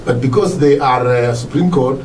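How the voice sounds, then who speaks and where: A man's voice: mid-range voice, moderate pace. A man with a Kenyan Luo accent answering as a political interview guest, switching languages, hesitating and repeating phrases. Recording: distant mic, clearly noisy background.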